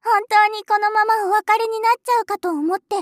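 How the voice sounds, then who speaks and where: A woman's voice: very high-pitched, fairly even intonation, brisk, no echo, clean studio sound. A woman voicing a playful, teasing young woman in an audio role-play, coaxing the listener in polite speech.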